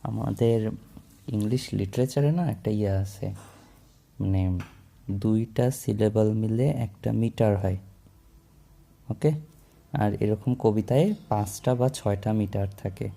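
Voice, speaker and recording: Gravelly dark-voiced man teaching grammar. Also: on the low side, steady tone, measured pace, pauses often. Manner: mixes English terms into Bengali, checks in with "okay?" often; writes on a board while talking. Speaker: English grammar tutor. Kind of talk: casual classroom explanation.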